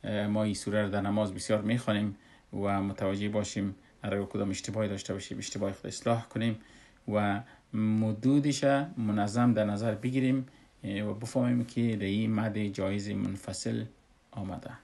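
A man teaches Quran recitation patiently, step by step. He speaks in an unhurried way and often stops on a long "uh" before going on. He sounds like a teacher walking through a lesson. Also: on the low side, little pitch movement, vocal fry, darkish tone. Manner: unhurried, with frequent drawn-out "uh" pauses. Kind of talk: step-by-step tajweed lesson explanation.

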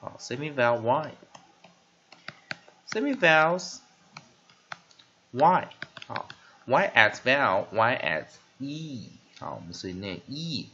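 Gravelly-voiced man teaching English sounds. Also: mid-range voice, bright, forceful tone. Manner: drawn-out repeated demonstration of word sounds, many filler "ah"s. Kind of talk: spelling and phonics lesson. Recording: dull lo-fi recording with faint hiss.

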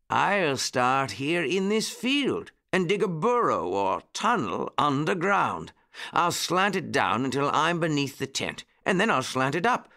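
A man voicing an elderly, cheerful rabbit gentleman in a storybook who speaks eagerly and keeps exclaiming. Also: a little high, pitched above the performer's own voice, full character voice. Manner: excitable, exclaiming.

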